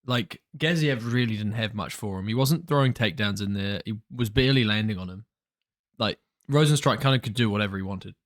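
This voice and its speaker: A man co-hosting a casual podcast, chatty and quick to laugh. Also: lowish voice. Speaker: podcast co-host. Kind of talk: casual chat.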